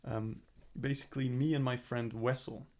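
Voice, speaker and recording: In a casual, earnest vlog, a young man talks through his plans, rambling and correcting himself along the way. His mid-range voice stays steady in tone and moves at a normal speed.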